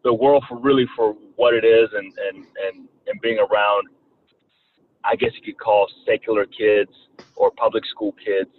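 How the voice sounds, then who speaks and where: A man in his thirties from Rwanda with a slight Southern twang, talking haltingly as an interview guest and often repeating words. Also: on the low side, fairly even intonation. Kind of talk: casual interview talk. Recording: tinny phone-like line, faint noise.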